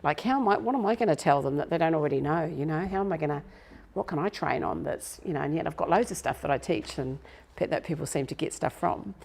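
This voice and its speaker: A middle-aged woman coaches a live workshop group, her voice pitched low with a gravelly edge. She talks in a chatty, self-deprecating way to the people in the room. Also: lively intonation, quick pace, few pauses, a little mellow. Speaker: business coach presenting a workshop.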